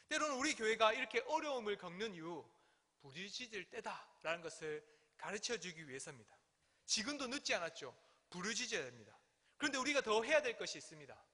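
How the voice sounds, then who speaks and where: A male pastor preaching a sermon at a midweek prayer service, animated, with sudden drops to a hush. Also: high-pitched. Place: church sanctuary. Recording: long church hall reverb.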